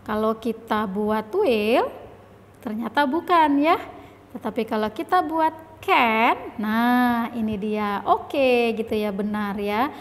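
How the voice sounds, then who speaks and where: Woman teacher, high and unhurried, talks through grammar slides, keeps adding "ya", reverb trailing behind her voice. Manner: says "ya" after nearly every phrase; reads example dialogues aloud, then translates them. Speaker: English teacher. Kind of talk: slide lesson explaining grammar.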